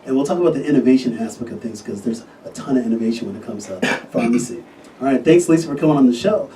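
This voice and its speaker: A man, a physician, hosting a casual podcast interview and talking with enthusiasm, often pausing on fillers. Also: mid-range voice, lively intonation, mellow. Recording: distant mic with faint noise.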